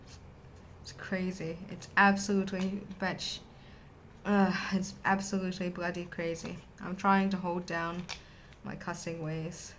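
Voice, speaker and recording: A woman's voice: lowish voice, level tone, unhurried, slight background noise, low-quality recording. A woman vlogger chatting to camera indoors at a desk, gushing and rambling enthusiastically. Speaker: vlogger unboxing a stationery haul. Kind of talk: casual chat to camera.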